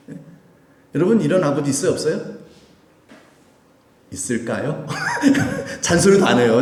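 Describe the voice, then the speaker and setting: A man's voice: medium pitch, a little mellow. A man preaching a Sunday sermon, putting questions to the congregation as he goes. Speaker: pastor. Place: church sanctuary. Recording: echoey church hall with long reverb.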